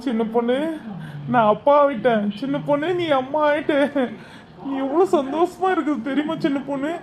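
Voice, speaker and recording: A woman's voice: high-pitched, fairly quick, darkish tone, close to an everyday voice. A woman playing an eager, flustered young husband in a homemade family comedy skit, always obliging. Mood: excited.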